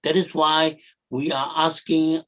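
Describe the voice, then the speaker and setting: A man's voice: fairly high pitch, little pitch movement, unhurried, a bit bright. A man from Burma, an activist guest on a video call, making an earnest, urgent appeal in plain English. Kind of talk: advocacy appeal on a virtual panel.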